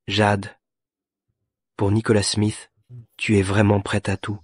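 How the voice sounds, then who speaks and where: A cold, wounded young CEO in a drama, with a deep, husky voice. He speaks in a flat, clipped way that barely rises or falls. The sound is close and dry. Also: takes it slowly, no echo. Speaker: dub actor. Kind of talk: dubbed drama.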